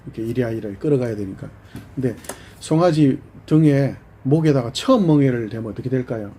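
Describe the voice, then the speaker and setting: A male pastor preaches with a dark, mellow voice that carries a husky edge. He delivers an animated sermon, switching back and forth between speaking for God and for the people. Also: medium pitch, brisk.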